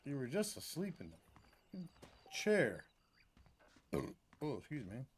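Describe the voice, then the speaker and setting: A man's voice: mid-range voice, big pitch swings, takes it slowly, husky. A man casually commenting on his own game playthrough, joking, swearing and muttering to himself.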